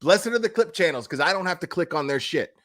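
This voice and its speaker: A man with a slightly high, somewhat bright voice riffs like an online streamer, talking fast and expressively. His casual commentary is blunt, emphatic, foul-mouthed, and full of coarse opinions.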